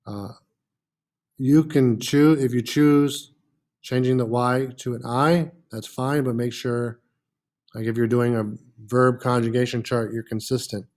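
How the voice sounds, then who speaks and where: A man's voice: medium pitch, fairly even intonation, a little slow, a little mellow. A man teaching a French lesson, patiently repeating words with frequent "uh" fillers. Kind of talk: classroom lesson.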